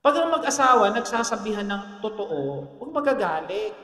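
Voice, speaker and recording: A man's voice: high voice, big pitch swings, normal speed, bright, forceful tone. A man with a Filipino accent preaching a sermon as pastor, joking and teasing the congregation. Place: church hall. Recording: echoey church hall, long reverb.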